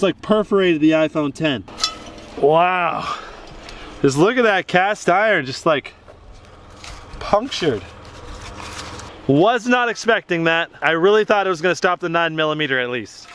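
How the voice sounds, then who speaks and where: A man hosting a gadget test vlog outdoors, talking with loud enthusiasm and frequent exclamations. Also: high voice. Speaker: YouTube gadget test host. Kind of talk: excited outdoor experiment vlog. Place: outdoors at a shooting range. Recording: noisy outdoor recording.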